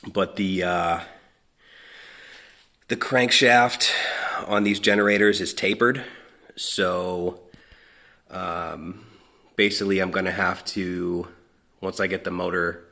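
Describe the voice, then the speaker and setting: A man giving a casual, halting update on his garage project, searching for words with lots of fillers, a little out of breath. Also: low-pitched, sharp tone. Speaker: hobby builder vlogging a mini bike project. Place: hot home garage.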